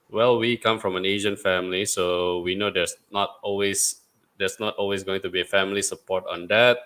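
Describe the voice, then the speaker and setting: A man from Indonesia hosting a podcast interview, asking questions in a relaxed, conversational way with loose grammar and frequent fillers. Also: low-pitched, smooth. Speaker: podcast host. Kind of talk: casual interview.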